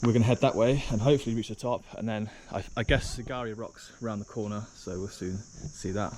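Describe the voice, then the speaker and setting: A man's voice: lowish voice, fairly quick, darkish tone. Male travel vlogger, casual rambling delivery, handheld camera outdoors, audible insect noise. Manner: chatty, rambling, lots of ums. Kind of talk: casual travel vlog narration. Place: outdoors on a rock trail.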